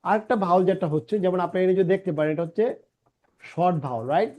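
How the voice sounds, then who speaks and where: A man's voice: sits high, fast, highs cut off. Man drilling pronunciation. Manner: drills sounds by repeating them, asks "right?" often. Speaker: English teacher and channel founder. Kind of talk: pronunciation lesson.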